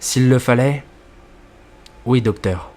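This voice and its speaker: A man's voice: mid-range voice, takes it slowly, a little mellow, close to an everyday voice. A man reading as a grave elderly woman scholar. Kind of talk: scripted horror story reading.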